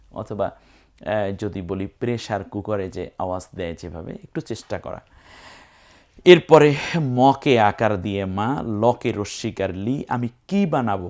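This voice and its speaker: A man with a Bangladeshi Bengali accent teaching recitation, explaining letter by letter and chanting words in long drawn-out tones. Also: fairly low pitch, gravelly, darkish tone. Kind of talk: spelling-out lesson.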